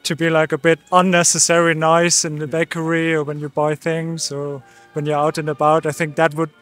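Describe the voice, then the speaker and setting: A man's voice: fairly high pitch, completely flat delivery, a little fast, fairly bright tone, soft background music. A man answering a street interview in a mild, easygoing way.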